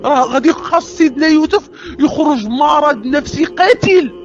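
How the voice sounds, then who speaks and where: A woman's voice: sits high, normal speed, muffled recording, soft background music. A woman with a Moroccan Arabic accent preaching to women, impassioned and pleading, asking many rhetorical questions. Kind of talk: religious exhortation to women.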